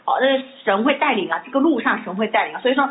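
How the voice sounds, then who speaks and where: A woman in her thirties telling a personal faith testimony, with animated storytelling full of repetitions and exclamations. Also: fairly high pitch, quick pace, phone-quality sound, a little hiss or hum. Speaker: church member giving a testimony.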